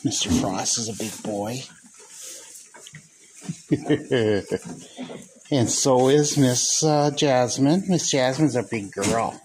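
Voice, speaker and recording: A man chatting casually while filming his goats in a barn, rambling slowly and sometimes cooing to the animals in a high voice. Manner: slow, rambling, talks to his goats in high baby talk. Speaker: goat farmer vlogger. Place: goat barn pen, indoors. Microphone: phone camera held by the speaker. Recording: noisy barn phone recording.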